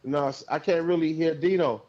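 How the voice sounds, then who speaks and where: A man's voice: on the high side, moderate pace, a little mellow. A man calling in by phone and chatting casually with short, offhand replies. His voice comes through a speakerphone held away from the mic. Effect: heard over a phone on speaker, held away from the mic. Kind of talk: casual chat. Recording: dull, distant phone sound.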